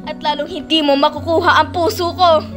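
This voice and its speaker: A proud young noblewoman, acted by a woman speaks with firm defiance in old-style radio drama. The voice is high, set over faint music. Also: steady tone, brisk, lightly acted. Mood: defiant.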